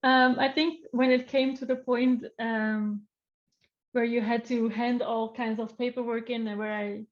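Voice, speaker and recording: A woman's voice: a little high, flat delivery, unhurried, highs cut off. A young woman with a Dutch accent, a researcher speaking English in a cheerful, easygoing interview chat over a video call. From Netherlands. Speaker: animal welfare researcher, guest.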